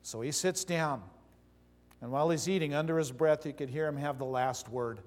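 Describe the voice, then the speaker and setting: A man's voice: on the high side, normal speed. Male pastor, sermon delivery, emphatic storyteller, reverberant sanctuary sound. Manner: storytelling preacher, emphatic, swings from loud to soft. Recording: long hall reverb.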